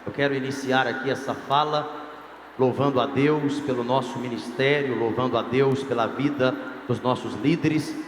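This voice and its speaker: A man's voice: medium pitch, steady tone, normal speed, slight background noise. A male pastor preaching a sermon to a youth congress in an emphatic, rising preacher's cadence. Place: large congress hall. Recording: echoey hall, faint crowd ambience.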